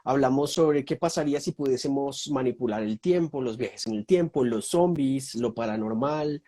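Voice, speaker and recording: This young man from Colombia has a mid-range, dark-toned voice and talks at a normal speed in his Colombian Spanish accent. Joining a relaxed online video call as a guest, he lists topics thoughtfully, leaning on lots of fillers.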